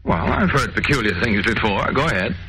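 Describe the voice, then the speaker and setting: An actor playing a confident, friendly, eager superhero in 1940s radio style. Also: male voice, fairly low pitch, animated, a little fast. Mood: friendly, curious. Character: Superman as Clark Kent, confident, friendly male hero. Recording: very noisy old radio recording.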